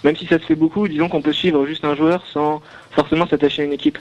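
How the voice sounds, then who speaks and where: Young male radio show caller, phone line, slightly high voice, hesitant, lots of fillers. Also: little pitch movement, quick pace, a little hiss or hum. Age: young adult. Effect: caller heard over a phone line. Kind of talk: casual phone chat.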